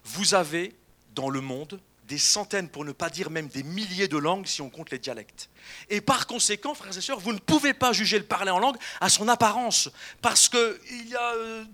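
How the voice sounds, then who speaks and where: A man preaching a sermon as pastor, lively and animated, acting out quoted voices. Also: high-pitched, normal speed.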